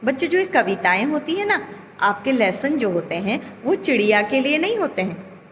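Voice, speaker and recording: A woman teaching a Hindi class to children, speaking deliberately, drawing out vowels and asking the class questions. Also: high voice, sing-song, long reverb tail, a little hiss or hum. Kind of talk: recorded online class lesson. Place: home.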